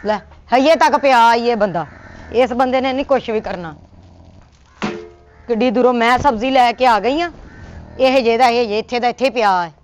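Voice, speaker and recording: High-voiced scolding Punjabi woman. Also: normal speed, pauses often. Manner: scolding, sharp-tongued, nagging. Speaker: comic actor as a scolding wife. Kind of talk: Punjabi comedy sketch acting.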